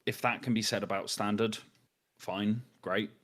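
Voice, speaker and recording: A man's voice: on the low side, fairly even intonation, normal speed, a bit bright. A man co-hosting a live stream, speaking casually and bluntly with some swearing. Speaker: livestream co-host.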